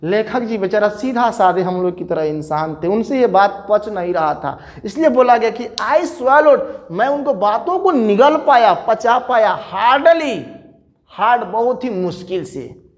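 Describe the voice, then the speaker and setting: A man's voice: sits high, expressive, a little slow. A man teaching an English story line by line, acting out its dialogue with rising questions and exclamations. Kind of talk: bilingual literature lesson, explaining a story line by line.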